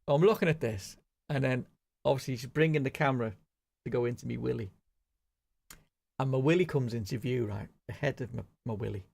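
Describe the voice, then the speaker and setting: A man's voice: medium pitch, fairly quick, vocal fry, pauses often, a little mellow. A middle-aged man, hosting a live stream and telling a casual anecdote, often checking in with "right?" and "you know what I mean?".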